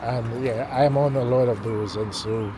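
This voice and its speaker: A man vlogging while he walks through a neighborhood at night, talking in a slow, halting way and repeating words as he goes. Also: mid-range voice, steady tone, background noise. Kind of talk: casual walking vlog talk. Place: outdoors on a neighborhood street at night. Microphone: handheld camera mic while walking.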